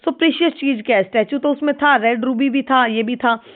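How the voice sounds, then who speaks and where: A woman teacher working through exam questions, reading each English question slowly and then explaining it quickly. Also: high-pitched. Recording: tinny phone-like audio.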